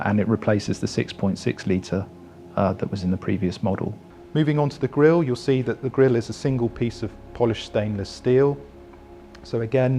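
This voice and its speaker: A man giving a product walkaround as a company presenter, speaking in a measured, explanatory way. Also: lowish voice, dark tone.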